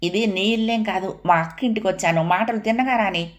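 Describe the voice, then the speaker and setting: A woman reads a bold young sister in an audio novel, blunt and outspoken. The voice stays near the narrator's plain middle pitch. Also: brisk, lightly acted.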